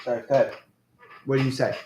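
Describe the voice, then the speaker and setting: A man's voice: mid-range voice, steady tone, quick pace, a little mellow. A man running a tabletop game as game master, talking casually to the players. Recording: echoey room, faint background noise.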